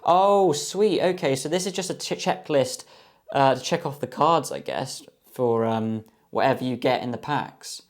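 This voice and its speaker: A man's voice: mid-range voice, normal speed. Chatty young man opening trading cards. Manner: chatty, enthusiastic, many ums and guesses. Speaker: card box opener. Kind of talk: casual box-opening commentary.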